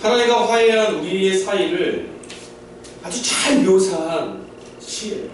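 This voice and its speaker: In a church sanctuary, a male pastor with a high, slightly slow voice preaches to a congregation of all ages, explaining points and putting questions to them. The hall is very echoey, the mic distant, and there's a bit of background noise.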